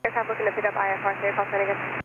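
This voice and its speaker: A man with a high, unvarying voice works as an air traffic controller. He delivers procedural instructions very quickly. The radio channel is thin and clearly noisy. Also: monotone. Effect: aviation radio. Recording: tinny radio with clear noise.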